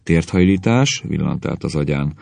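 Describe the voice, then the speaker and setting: A man reading a humorous story aloud in an audiobook narration, expressive and measured. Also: a bass voice, creaky, no echo.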